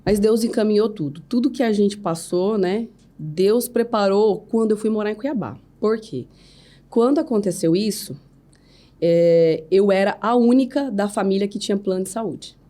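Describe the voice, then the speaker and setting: Earnest Brazilian woman with a mellow voice. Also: medium pitch, moderate pace. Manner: earnest, faith-filled storytelling with frequent "né?" tags. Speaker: podcast guest. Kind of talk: emotional personal testimony.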